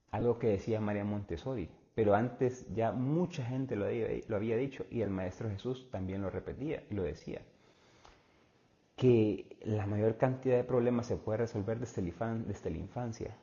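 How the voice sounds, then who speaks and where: An earnest middle-aged man speaks straight to the listener in a preachy, reflective talk. His voice sits low and mellow, and the recording sounds dull and lo-fi. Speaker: parenting speaker, former preacher. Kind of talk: reflective monologue on parenting.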